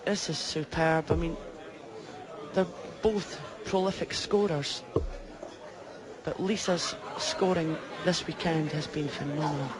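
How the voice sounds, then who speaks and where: A woman's voice: deep voice, steady tone, measured pace. A woman co-commentating live on darts, giving conversational, emphatic analysis. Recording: busy crowd behind commentary. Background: darts crowd.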